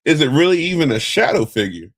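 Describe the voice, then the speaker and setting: A man hosting a casual live-stream talk show, musing aloud with rhetorical questions and friendly shout-outs to viewers. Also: a little high, very animated, quick pace, slightly rough.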